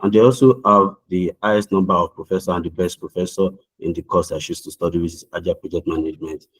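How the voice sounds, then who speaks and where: A man's voice: sits low, fairly even intonation, fast, fairly bright tone, breathy edge, low-quality recording. A young man from Nigeria with a Nigerian accent, answering mock visa interview questions over a video call in an earnest, formal way, often restarting his words.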